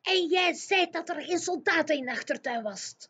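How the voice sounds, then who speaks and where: Woman doing the GVR, a gentle bumbling giant. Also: very high voice, animated, pitched above the performer's own voice. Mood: amazed. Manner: slow, odd grammar, in a hushed tone. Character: big friendly male giant, gentle, mangling his words. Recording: dull lo-fi recording.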